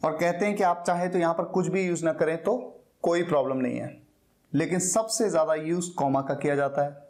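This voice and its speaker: Patient male teacher explaining step by step. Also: high-pitched. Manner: patient, repeats words slowly to model pronunciation. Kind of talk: explanatory classroom lecture.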